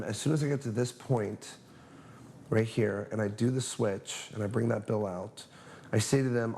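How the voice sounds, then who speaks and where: A man with a somewhat low voice walks through a magic routine in a relaxed, upbeat way, slipping in the lines he says to spectators. A faint hum of the room sits under his talk. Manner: chatty and upbeat, acts out patter lines. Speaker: magician teaching a trick. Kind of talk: casual instructional demonstration.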